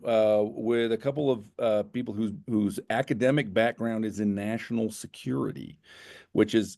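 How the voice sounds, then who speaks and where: A man's voice: on the low side, gravelly, a little mellow, dry recording, clean studio sound. A man hosting a casual interview who rambles, stopping and restarting his phrases. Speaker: podcast host and editor. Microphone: remote call.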